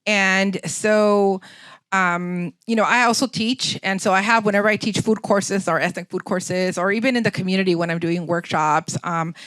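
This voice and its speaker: A woman's voice: mid-range voice, fairly even intonation, a bit bright, no echo. Woman speaking plainly with an LA accent. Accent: Los Angeles. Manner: thoughtful, unhurried, many fillers. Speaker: guest speaker, chef and anthropologist. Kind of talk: public lecture Q&A answer. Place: lecture hall.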